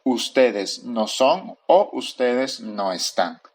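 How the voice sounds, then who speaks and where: A male English teacher talks through a recorded lesson at a very slow, careful pace. He repeats every form patiently, and his voice sits in a middle pitch. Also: expressive.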